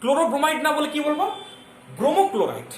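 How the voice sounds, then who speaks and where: A male chemistry teacher giving a lesson, constantly quizzing his students and repeating key terms slowly so they stick. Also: extremely high pitch, wildly swooping pitch, a little hiss or hum. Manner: keeps asking the class questions and checking they follow. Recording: echoey room with faint ambience.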